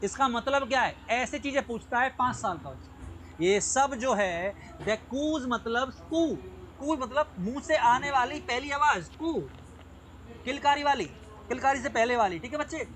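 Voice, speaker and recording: A man's voice: very high voice, lively intonation, normal speed, fairly bright tone, a little hiss or hum, rough recording. A man teaching a lesson, repeating key points and often checking if his students follow, mixing English terms into his speech. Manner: repetitive, drilling, checks understanding often. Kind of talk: online lecture.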